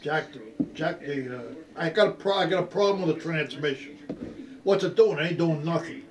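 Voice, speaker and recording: A man's voice: fairly high pitch, normal speed, background noise. An older man with a grandpa voice tells a casual, rambling family anecdote in a folksy, salty way. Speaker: grandfather telling family stories.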